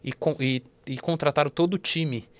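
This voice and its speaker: A man's voice: fairly high pitch, normal speed. A man from Brazil, a guest at an investment firm, talking through ideas in a casual podcast interview with lots of fillers and restarts. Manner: animated, explanatory, many fillers and restarts.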